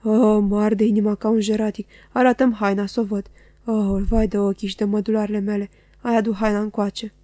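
A woman's voice: mid-range voice, little pitch movement, dark tone, no echo, close to an everyday voice. A woman voicing a ragged old male junk dealer who groans and wails in a rising and falling singsong. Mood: shouting.

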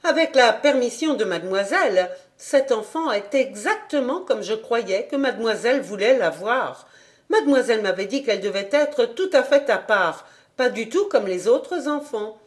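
A woman's voice: a little high, lively intonation, normal speed, lightly acted. A woman voicing an eager young country woman who chatters deferentially to her superior in a storybook reading.

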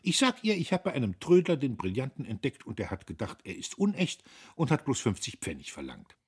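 A man's voice: lowish voice, wildly swooping pitch, measured pace, husky, voice pushed up, full character voice. A man putting on a teasing young woman. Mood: coy teasing. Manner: coy, teasing, playful. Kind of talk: audiobook character voice.

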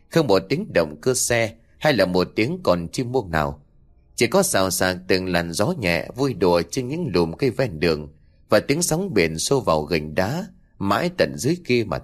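A man narrating a ghost story in an expressive, dramatic storytelling style. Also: low-pitched. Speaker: audiobook narrator.

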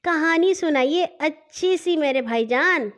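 A woman's voice: sits high, a bit bright, voice pushed up. Woman doing a coaxing little girl. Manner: coaxing, childlike pleading. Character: little girl, playful and stubborn.

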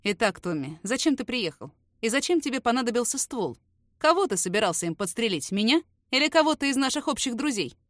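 A woman voicing a ruthless man who speaks in an even, dry, indifferent voice. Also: fairly high pitch, a little fast, no room sound. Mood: cold.

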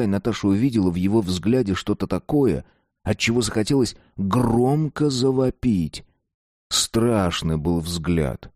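A man reading a dark story aloud, slow and deliberate. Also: on the low side, dry recording, studio quality. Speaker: narrator. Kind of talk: scripted narration of a dark story.

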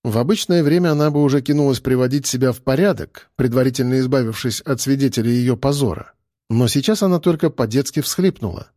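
A man reading a novel aloud as an audiobook narrator, in an even, measured way. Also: mid-range voice, dry recording, studio quality. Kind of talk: scripted narration.

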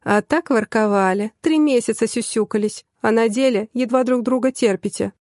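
A woman reading as a sly young secretary in an audiobook, smug and teasing, her voice a little high and on the mellow, soft side. The sound is close and dry, with no room around it. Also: normal speed, no echo, natural voice.

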